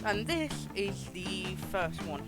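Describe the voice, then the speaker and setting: A live streamer hosts a game playthrough, chatting casually and swearing freely with viewers while sometimes reading game text aloud. His voice is medium-pitched with big pitch swings, and he takes it slowly. Music plays behind him.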